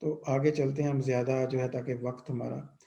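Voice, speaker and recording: A man's voice: medium pitch, flat delivery, normal speed, creaky, mellow, echoey room, highs cut off. A man teaching linguistics. He explains each point step by step, often stops to check that the listener follows, and reads terms. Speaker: linguistics lecturer. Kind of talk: explanatory lecture mixing Hindi-Urdu and English.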